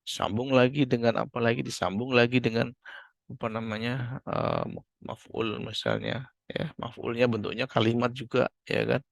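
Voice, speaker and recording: A man's voice: mid-range voice, fairly even intonation, moderate pace, vocal fry, no echo. An Indonesian-accented man lecturing a university class, explaining patiently and repeating key terms with many fillers.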